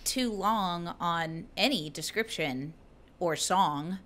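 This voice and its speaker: A woman's voice: fairly low pitch, slow, fairly bright tone. A young woman co-hosting a casual podcast chat, giggly and full of fillers, slipping into mock voices for jokes. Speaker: podcast co-host. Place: lives in Buffalo, New York.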